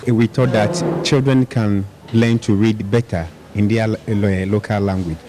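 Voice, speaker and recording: A man with a Ghanaian accent explaining in an interview, halting and repeating words as he goes. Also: lowish voice, fairly even intonation, noisy background. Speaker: education project representative.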